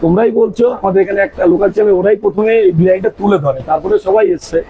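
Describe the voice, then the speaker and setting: Rapid-talking Bengali restaurant owner. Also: male voice, high voice, slightly rough, phone-quality sound. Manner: earnest, explaining in detail. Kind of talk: casual interview.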